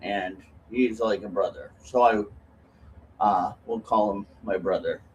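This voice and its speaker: A man chatting casually to viewers as a vlogger, talking haltingly around a lip packed with chewing tobacco. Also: on the low side, fairly even intonation, muffled recording, a little hiss or hum.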